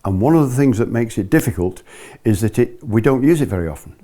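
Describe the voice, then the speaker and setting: A man's voice: mid-range voice, animated, fast, warm tone. An older man giving a hands-on lesson to a small group as a ski instructor, explaining patiently and methodically and repeating key points. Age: older, about 70s. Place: living room, indoors.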